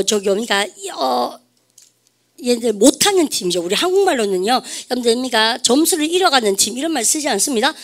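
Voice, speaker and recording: A woman lecturing on vocabulary with a somewhat high voice. She keeps calling out to her class, circles back over the same points and drills pronunciation with call-and-response cues. It sounds like a recorded online lesson. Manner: repetitive, addresses students constantly, drills pronunciation with call-and-response. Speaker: English vocabulary teacher for civil service exam students.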